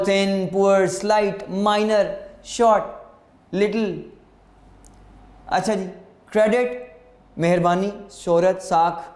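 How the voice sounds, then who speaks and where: A man teaching English vocabulary, slowly dictating words and meanings and repeating them for students. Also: sits high, a little mellow, roomy sound. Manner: slow, deliberate, repeats words for students to note down.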